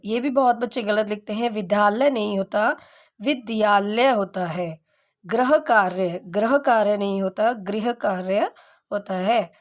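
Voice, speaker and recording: A woman teaching a grammar lesson to children, explaining correct spellings and asking and answering her own questions. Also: fairly high pitch.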